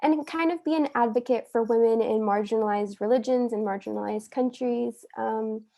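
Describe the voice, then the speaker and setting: A woman's voice: fairly high pitch, moderate pace, vocal fry, dark tone. A young woman student from Miami introducing herself in an earnest, friendly way on a video call. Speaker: undergraduate student.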